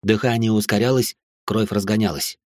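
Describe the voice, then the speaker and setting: A man narrating a first-person audiobook in a steady, tense way. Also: fairly low pitch, normal speed, no echo, clean studio sound.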